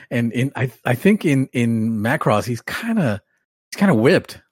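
Male podcast co-host, laid-back, halting, amused delivery; dry close recording. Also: medium pitch, very animated, slightly rough, no room sound. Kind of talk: casual chat.

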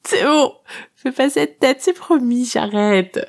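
A woman doing a high, teasing living shadow. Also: lively intonation, slow pace, gravelly, full character voice. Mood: mocking. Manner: teasing, laughing. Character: giggly mocking female living shadow.

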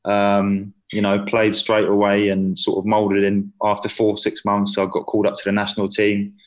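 A man's voice: fairly low pitch, completely flat delivery, moderate pace. A young man in his twenties, chatting casually as an interview guest, full of fillers. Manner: chatty, lots of fillers and "you know".

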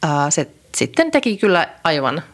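A woman's voice: sits low, sing-song. A young adult woman co-hosting a podcast, chatting in a rambling way with many fillers and restarts. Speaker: podcast co-host. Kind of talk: casual chat.

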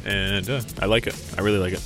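A man's voice: fairly low pitch, steady tone, fast talker, a bit bright, faint music behind. A young man hosting a podcast, telling rambling, profane stories in casual chat into a studio mic. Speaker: podcast host. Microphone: studio mic through a mixer.

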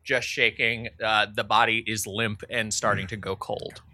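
A man's voice: fairly low pitch, level tone, moderate pace, bright, forceful tone, no room sound. A man narrating a tabletop game as game master, describing scenes casually with many "like" fillers.

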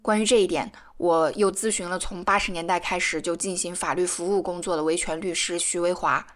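A woman narrating a documentary podcast, telling a case calmly in a scripted way. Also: on the low side, a little fast.

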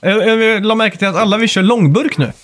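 A man hosting a casual gaming podcast, jokey and upbeat. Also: sits high. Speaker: podcast host.

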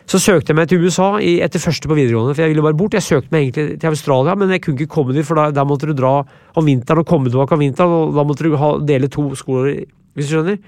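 A man from tells stories at a podcast, rambling and blunt and often repeating himself. His voice sits a little high for a man. The sound is close and dry. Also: hardly any pauses, darkish tone, no room sound. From Brumunddal, Norway. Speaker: podcast guest, author. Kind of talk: casual storytelling in interview.

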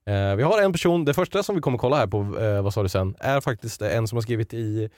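A man's voice: fairly low pitch, lively intonation, darkish tone, dry recording, studio quality. A young man co-hosting a Swedish podcast, chatting casually and loosely with lots of fillers. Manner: loose, filler-heavy, joking. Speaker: podcast co-host running a segment.

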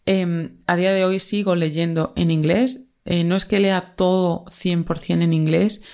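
A young Spanish woman with a Spanish accent hosts a solo podcast, talking casually and at length with lots of fillers and self-corrections. Her voice is fairly low, steady, and darkish, and she speaks a little slowly.

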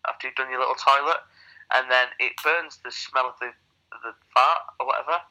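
Phoning in on speakerphone while sick with a cold, the male co-host chats loosely, rambling and making crude jokes. His medium-pitched voice is steady and sharp, moving a little fast.

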